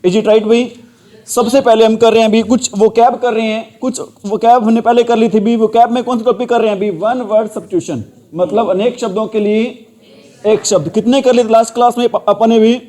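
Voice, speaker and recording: A male teacher runs a classroom lesson, drilling the class with repeated questions. His voice sits high but sounds dark and mellow. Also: fairly even intonation, moderate pace.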